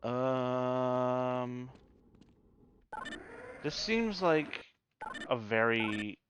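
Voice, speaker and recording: Man, casual gaming commentary, slow pace, hesitant, thinking aloud, faint noise behind. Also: mid-range voice, a bit bright. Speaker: gamer.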